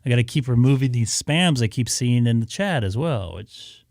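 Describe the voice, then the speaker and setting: A man with a mid-pitched, gravelly voice hosts a casual live stream. He mutters offhand and thinks aloud. The sound is dry, without room echo. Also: animated, moderate pace, a little mellow.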